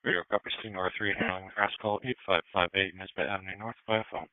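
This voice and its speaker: Casting: male police radio voice, rapid and smooth, clipped, procedural, phone-like transmission. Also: deep voice, fairly even intonation, no echo. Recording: tinny narrowband scanner radio.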